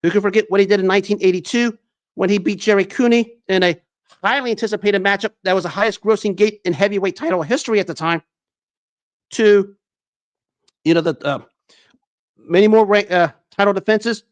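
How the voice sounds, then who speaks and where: A man's voice: high-pitched, fairly even intonation, fairly quick. A man hosting a sports talk show, delivering an enthusiastic commentary monologue with frequent restarts and fillers.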